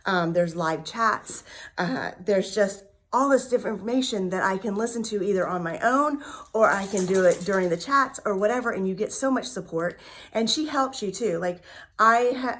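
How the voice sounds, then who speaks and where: A vlogger in her fifties tells the story of her recovery in a casual testimony. Her medium-pitched voice is a bit bright and her pace measured. She talks candidly and at length, with plenty of ums and repeated words.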